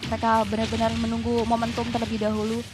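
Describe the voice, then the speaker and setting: A woman's voice: a little high, monotone, fast. A woman with an Indonesian accent commentating as an esports caster, narrating the play urgently in long running sentences. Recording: music behind the voice.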